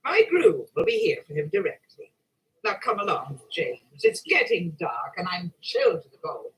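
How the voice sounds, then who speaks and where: An actress plays a genteel married lady of means in a period drama. Her pitch moves up and down in a lively way. She is imperious and insistent, used to giving orders. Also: moderate pace, rough recording. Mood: pleased, brisk. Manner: insistent, bossy.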